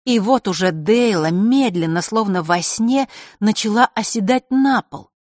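A woman narrates a fantasy audiobook with lively, expressive reading. Her voice is close to the mic, in a dry, dead recording. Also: mid-range voice, measured pace, no room sound. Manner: expressive, even storytelling.

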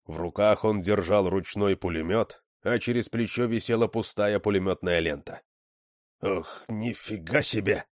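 A man narrating an audiobook in an expressive storytelling manner. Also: lowish voice, normal speed, few pauses, no echo, clean studio sound.

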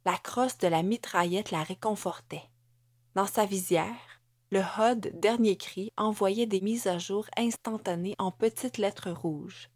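A woman reading an audiobook novel in measured, deliberate narration. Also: medium pitch, dry recording, studio quality. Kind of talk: scripted narration.

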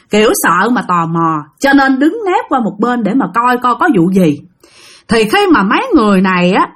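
A woman telling a ghost story casually, chatting directly to her listeners. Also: fairly high pitch.

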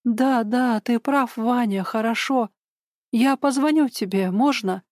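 A woman's voice: fairly high pitch, slow, darkish tone, no room sound, studio quality, pitched above the performer's own voice. A woman reading a tearful, timid woman. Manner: mumbling, hesitant.

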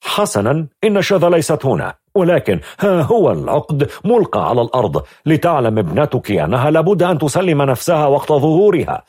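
A man's voice: a little high, very animated, fairly quick, few pauses, darkish tone, slightly rough, pitched above the performer's own voice. A man voicing a brusque police officer who speaks in a firm, official way. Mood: stern.

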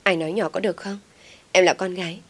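A scheming young woman pleads through fake tears, playing the wronged victim, as a female narrator voices her. Her pitch sits on the low side. The delivery is a simple storybook reading. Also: fairly even intonation, fast, lightly acted. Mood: pleading, sobbing. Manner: tearful pleading.

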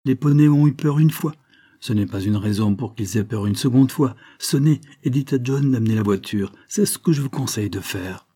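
A man voicing a sharp, scolding spinster sister-in-law who contradicts everything. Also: mid-range voice, moderate pace, breathy edge, natural voice. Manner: sour and contradicting.

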